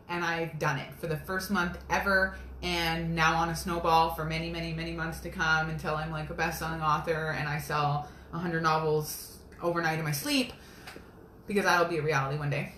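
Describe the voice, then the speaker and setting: Bright-voiced woman chatting to viewers. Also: fairly low pitch, echoey room, a little hiss or hum. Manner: chatty, rambling, earnest and upbeat. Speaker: self-published romance author. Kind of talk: casual live video chat to viewers. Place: home kitchen.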